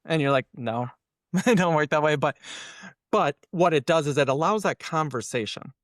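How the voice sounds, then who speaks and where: In a dry, clean studio recording, a man with a slightly high voice at normal speed speaks as an SEO consultant guest. Casual and opinionated, he explains things animatedly by acting out hypothetical exchanges.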